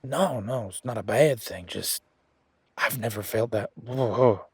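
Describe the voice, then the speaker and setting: Gavin, the polite, flustered, excitable young werewolf boyfriend of a romantic audio drama, is heavily acted by a man whose voice is on the low side and slightly rough. He speaks slowly and casually with nervous stammers, amazed and relieved, in a recording without echo.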